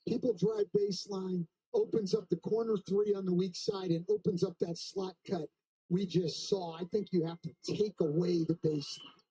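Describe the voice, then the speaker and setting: Male color analyst, high and raspy, lively pitch, breaks down basketball tactics on air. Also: moderate pace, low-quality recording.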